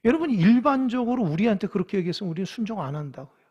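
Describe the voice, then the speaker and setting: A man's voice: sits high, very animated, very fast, darkish tone, slightly rough, muffled recording. A man preaching a sermon at a midweek church service, talking conversationally, asking the congregation questions and acting out biblical figures. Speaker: pastor. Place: church sanctuary.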